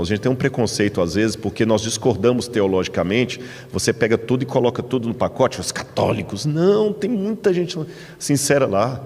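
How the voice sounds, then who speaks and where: A man with a Brazilian Portuguese accent, a preacher telling his testimony from the pulpit as a lively storyteller. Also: on the low side, long reverb tail. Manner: lively storyteller, acts out dialogue in raised voices. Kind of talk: sermon testimony. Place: church in the United States.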